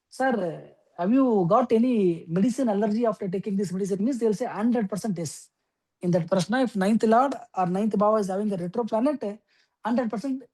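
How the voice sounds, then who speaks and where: A woman teaching an astrology class, explaining step by step with frequent okays and pauses. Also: medium pitch, mellow, poor audio. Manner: explains slowly with many okays and fillers. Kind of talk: lecture.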